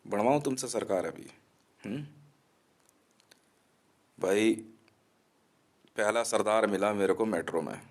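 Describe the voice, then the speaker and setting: A man's voice: low-pitched, a little mellow. A man delivering a threatening, abusive rant to the camera in an aggressive, mocking manner.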